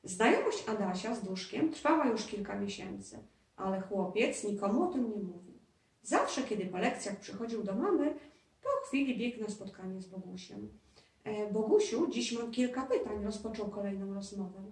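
Woman storyteller, steady reading voice; echoey room, distant mic. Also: mid-range voice, moderate pace.

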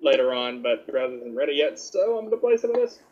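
A man co-hosts a casual chat over a call, plainly relaying game news and reading announcements aloud as he plays. His voice is medium-pitched and a little mellow, with big pitch swings and a quick pace, and the recording is muffled.

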